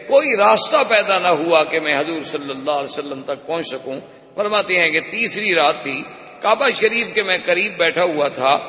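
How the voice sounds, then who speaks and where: Guy preaching, tells the story with lots of drama, bright voice, dull lo-fi sound with long hall reverb. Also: sits high. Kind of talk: sermon storytelling.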